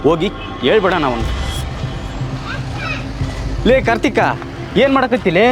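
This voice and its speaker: A man's voice: high-pitched, big pitch swings, measured pace, over music. A young man playing a blunt village friend, with a North Karnataka Kannada accent. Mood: teasing. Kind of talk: short film acting.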